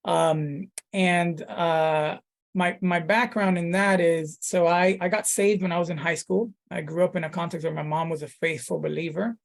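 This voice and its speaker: A man's voice: a little high, steady tone, moderate pace, vocal fry. A man in his thirties from the Dominican Republic, a pastor talking casually in an interview, thoughtful, with many fillers and restarts. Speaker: pastor, guest.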